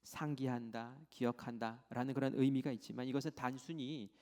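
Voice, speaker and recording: A man preaching a sermon as pastor, telling the story dramatically and swinging from loud declarations to near whispers. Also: mid-range voice, fairly even intonation, a little fast, in a large hall.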